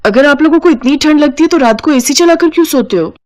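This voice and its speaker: High, fretful young bride for a cartoon, a woman putting it on. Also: animated, quick pace, darkish tone. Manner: fretful, exclaiming. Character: young new bride, shivering and exasperated.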